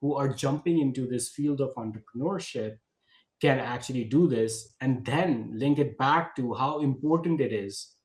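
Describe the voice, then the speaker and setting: A man's voice: mid-range voice, moderate pace, darkish tone, echoey room, poor audio. A male podcast host giving enthusiastic, effusive introductions to his guests. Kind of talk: podcast interview.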